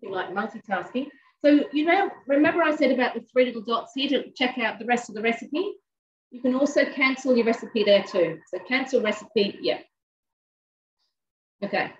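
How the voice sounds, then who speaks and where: A woman's voice: on the high side, animated, moderate pace. A woman chatting as she runs a live cooking demonstration in a kitchen, talking while she works. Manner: chatty, talks while working. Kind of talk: live cooking demo chat. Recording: roomy, dull sound from a distance.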